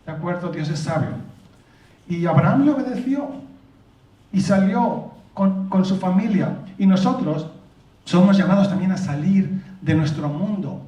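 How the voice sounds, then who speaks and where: Spanish pastor, earnest sermon, mellow mid-high voice, distant mic in a reverberant church hall. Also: male voice, lively intonation, a little slow. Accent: Peninsular Spanish. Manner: earnest and explanatory, asks the congregation if they follow. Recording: roomy, distant, dull lo-fi church recording.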